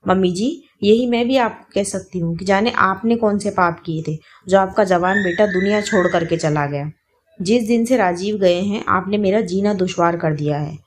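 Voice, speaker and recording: A woman's voice: mid-range voice, a little mellow, lightly acted. A woman voicing a grieving young widow who speaks tearfully and pleads in a spoken story.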